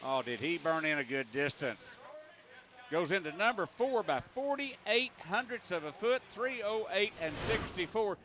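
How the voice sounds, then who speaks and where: Folksy guy announcer at a tractor pull, high voice, lots of engine noise behind him outside. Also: expressive, measured pace, sharp tone. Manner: folksy, colloquial turns of phrase. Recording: noisy outdoor track with engine noise. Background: outdoor ambience and vehicle engines.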